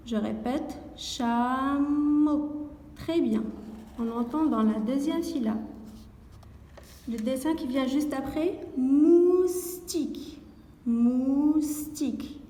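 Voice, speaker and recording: A woman teaching a phonics lesson to young children, speaking slowly and carefully and repeating each word and sound. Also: high voice, warm tone. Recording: echoey room with long reverb.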